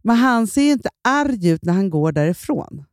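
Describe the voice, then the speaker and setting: A woman's voice: mid-range voice, sing-song, no echo. Chatty Swedish podcast woman, dry sound. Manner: chatty, acts out quotes, trailing restarts. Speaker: podcast co-host. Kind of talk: casual chat.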